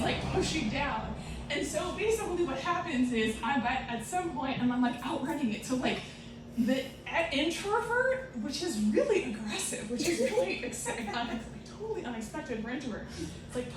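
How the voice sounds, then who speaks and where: This woman, a native Romanian speaker from a Romanian family, does comic storytelling on a live stage, wandering off track, cursing and frequently laughing at her own expense. She has a high voice, heard from a distant microphone in an echoey room with a noisy background.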